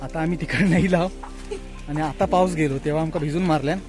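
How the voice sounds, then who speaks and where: A man's voice: fairly high pitch, steady tone, fast talker, over music. A man in his thirties with a Malvani Marathi accent, explaining things step by step in a casual outdoor vlog, filmed on a phone in a rainy forest. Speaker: village vlogger. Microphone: phone camera held close.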